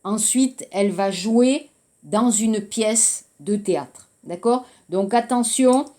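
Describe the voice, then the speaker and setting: A woman's voice: medium pitch, slow pace, dark tone. A woman from France teaching a French class, explaining patiently and repeating phrases, with a few Korean words mixed in.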